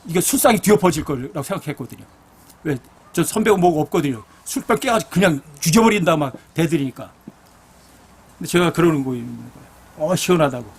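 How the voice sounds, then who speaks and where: A man's voice: fairly high pitch, lively intonation, fast talker, slight background noise. A middle-aged man, a pastor, preaching a blunt, earnest sermon full of personal stories.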